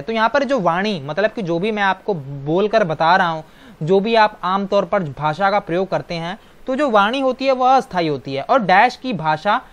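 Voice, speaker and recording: A man's voice: high-pitched, fairly bright tone, clear, resonant tone. Brief: male exam-prep tutor, patient explainer with constant tag questions. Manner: explanatory, keeps adding "right?" tag questions. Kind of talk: online exam-prep lecture.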